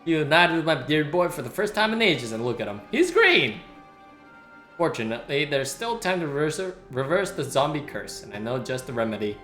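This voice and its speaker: A game streamer reading the lines of a fierce, sharp-tongued middle-aged mother and wife in a brusque, scolding way. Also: medium pitch, very animated, moderate pace. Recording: roomy sound with game music.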